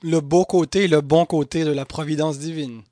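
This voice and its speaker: A man's voice: a little high, fairly even intonation, mellow, dry recording. Dry-sounding male radio host. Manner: formal, measured introductions with fillers. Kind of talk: radio interview.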